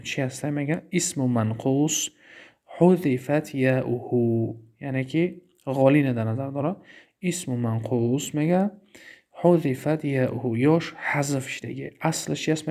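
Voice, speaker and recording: Tajik guy teaching grammar, gravelly mellow voice, asks then answers himself. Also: medium pitch. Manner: asks questions and answers them himself, repeats key terms slowly. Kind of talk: recorded lesson explaining Arabic grammar.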